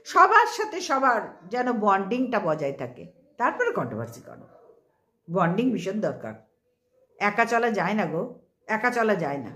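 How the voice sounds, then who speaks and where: A woman's voice: mid-range voice, very animated, moderate pace, pauses often, bright, forceful tone, roomy sound. A woman vlogger talking casually to her camera at home, chatty and rambling with lots of fillers, earnestly pleading for harmony. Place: at home, family talking nearby.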